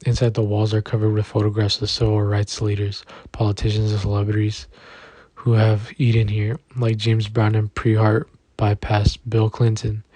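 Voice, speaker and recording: A man narrating an audiobook in the first person in an even, understated reading. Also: fairly low pitch, moderate pace, dry recording.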